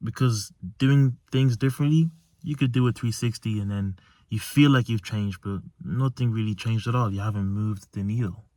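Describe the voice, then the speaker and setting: Low-voiced young man, earnest motivational talk. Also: steady tone, normal speed, mellow, dry recording. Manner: earnest, emphatic, repeats key phrases. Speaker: self-improvement vlogger. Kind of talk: reflective motivational monologue. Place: inside a parked car at night.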